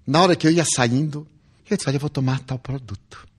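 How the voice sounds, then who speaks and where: Husky older Brazilian man lecturing. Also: mid-range voice, fairly quick. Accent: Brazilian Portuguese. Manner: lively storyteller, acts out dialogue, playful humor. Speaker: spiritual lecturer. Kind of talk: public lecture with personal anecdotes.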